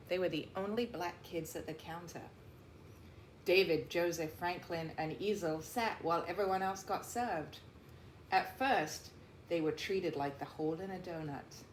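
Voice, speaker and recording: In a roomy recording with echo and faint background noise, a woman reads a picture book aloud like a teacher. Her low voice uses deliberate, emphatic phrasing and adds explanatory asides.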